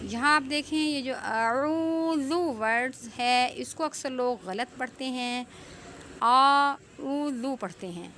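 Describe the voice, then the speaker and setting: A woman teaching Quran recitation rules in an online lesson, explaining plainly and then reciting words very slowly and drawn out. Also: high-pitched, steady tone, fairly bright tone, slight background noise.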